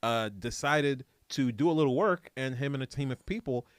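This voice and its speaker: A man's voice: medium pitch, moderate pace, no room sound, studio quality. Man ranting in mock anger. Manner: mock-angry ranting, then explaining. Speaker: podcast co-host presenting the topic. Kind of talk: casual podcast banter.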